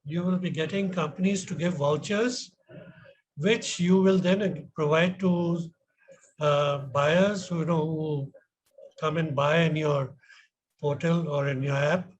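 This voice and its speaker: A middle-aged man with an educated, polished Indian accent, giving measured, hesitant feedback and questions as a competition judge. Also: on the high side, steady tone, rough recording.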